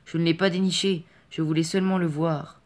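A man's voice: a little high, fairly even intonation, fairly quick, darkish tone, close to an everyday voice. A man voicing a frightened but defiant peasant boy in an audiobook reading, with a pleading, urgent delivery.

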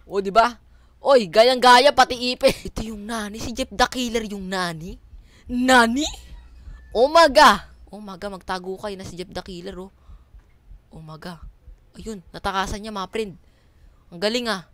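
A woman's voice: mid-range voice, normal speed, long pauses, fairly bright tone, no echo. A woman with a Filipino accent giving casual commentary on a horror game, jumpy and screaming at the scares. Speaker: gaming streamer.

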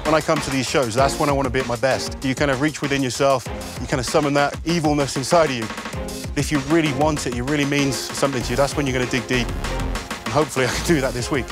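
A male strongman athlete speaking in an outdoor interview, confident and earnest. He talks quickly in a mid-pitched voice. Music plays under his words. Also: steady tone. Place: outdoors by thatched huts.

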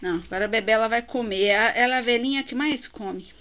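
A woman's voice: on the high side, fast, fairly bright tone, highs cut off, slight background noise. A woman filming her pets at home in a chatty home video, slipping into baby talk with her pets. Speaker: pet owner filming her ferrets. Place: house indoors. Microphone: handheld home video camera.

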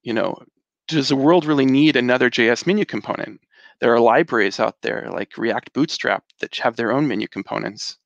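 A man's voice: mid-range voice, fairly quick, vocal fry, no room sound, lo-fi sound. A man presenting a project roadmap in an online conference keynote, explaining steadily with frequent fillers. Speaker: initiative lead presenter. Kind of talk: conference keynote over video call.

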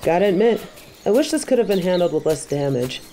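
A woman playing a stern but warm-hearted tiger kung fu master in a roleplay audio, speaking in a measured, composed way to the listener. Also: lowish voice, very animated, slight background noise. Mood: measured, approving. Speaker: voice actor in a fan roleplay audio. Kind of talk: scripted roleplay addressed to the listener.

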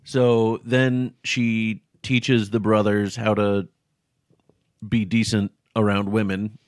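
Young man podcast co-host, easygoing and agreeable, lowish voice, dry close recording. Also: flat delivery, slow, no echo. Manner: easygoing, agreeing, recaps the plot. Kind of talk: casual film-discussion podcast chat.

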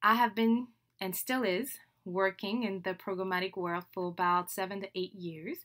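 At a moderate pace and steady tone, the Senegalese podcaster speaks in a medium pitch with a fairly bright quality. French is her first language, and her solo intro is chatty and upbeat, with laughs between phrases.

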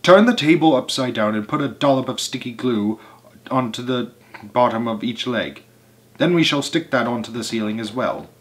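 A man voicing a bossy, excitable monkey father who shouts urgent commands in a children's storybook. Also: mid-range voice, normal speed, lightly acted. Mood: commanding. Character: bossy, frenzied monkey father leading a revenge trick.

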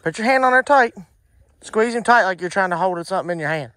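This uncle, a thirtysomething fishing vlogger from Kentucky, guides kids patiently and encouragingly through each step of fishing by a farm pond. His high-pitched voice is animated, quick, bright and forceful. The casual outdoor vlog was captured on a handheld phone camera.

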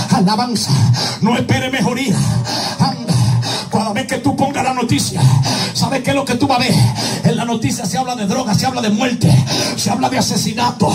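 A man's voice: extremely high pitch, far from the mic. A man preaching a fiery sermon as an evangelist, calling out prayers and repeating praise refrains between his phrases. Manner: shouted exclamations and chanted deliverance prayers.

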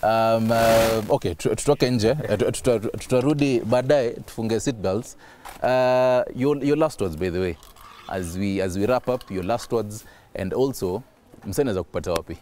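A Kenyan man hosting a TV interview from inside a parked car, asking questions in a halting way with many restarts. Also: lowish voice, darkish tone, a little hiss or hum. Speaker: TV show host. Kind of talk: TV interview, mixing English and Swahili.

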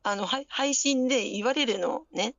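Husky, gravelly whiskey-voiced woman. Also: fairly high pitch, moderate pace, a bit bright, no room sound. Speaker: caller, stream viewer. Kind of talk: casual phone chat, hesitant explaining. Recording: slightly dull, lo-fi call audio.

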